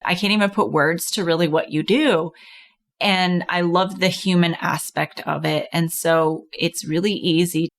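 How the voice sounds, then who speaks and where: A woman's voice: lowish voice, fairly even intonation, a little slow. Woman podcast host, casual coaching chat.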